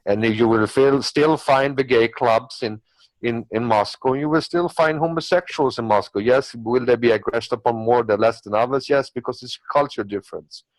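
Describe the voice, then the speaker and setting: In an unscripted discussion, a man whose first language isn't English makes his arguments as a panelist, going round in circles and invoking hypothetical scenarios. He speaks at normal speed in a mid-range voice, captured in a low-quality recording with no room sound.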